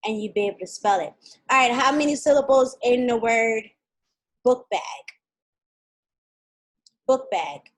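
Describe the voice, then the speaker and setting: A woman teaching a live online kindergarten lesson, patient and clear, speaking slowly to young children over a video call. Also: fairly high pitch, rough recording.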